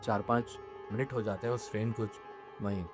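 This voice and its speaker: A man's voice: lowish voice, fairly even intonation, normal speed, music in the background. Man narrating a horror story casually.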